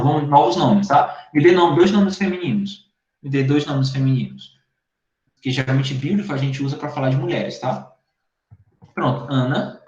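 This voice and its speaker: A man teaching an online English class in Brazilian Portuguese, explaining patiently and checking in with his students again and again. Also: fairly high pitch. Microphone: computer mic in a video call. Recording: echoey, dull lo-fi call audio.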